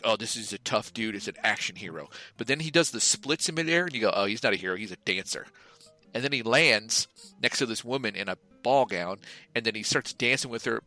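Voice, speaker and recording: A man co-hosting a podcast in loose, profane chatter. He tells stories with lots of animation and worked-up outbursts, and his voice is bright and forceful. Faint music sits low behind him. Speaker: podcast co-host. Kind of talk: casual podcast banter.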